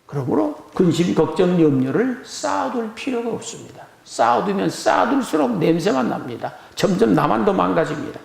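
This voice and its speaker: A man's voice: high voice, big pitch swings, fairly quick, vocal fry, few pauses, echoey room. A male pastor preaching a Sunday sermon, emphatic, with rhetorical questions and phrases repeated for emphasis. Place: church sanctuary.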